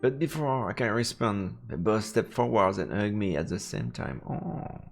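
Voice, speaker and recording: Streaming a let's play from an indoor setup, a man reads visual novel narration aloud in a lowish, gravelly, animated voice at normal speed. Faint game music plays behind him.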